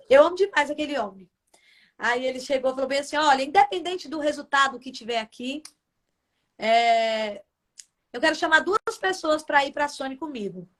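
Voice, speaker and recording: Brazilian woman, gospel singer, high voice, emotional testimony over a video call. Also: fairly bright tone. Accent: Brazilian Portuguese. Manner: emotional storytelling, acts out her own past words. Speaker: gospel singer, interview guest. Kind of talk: casual testimony in a radio interview.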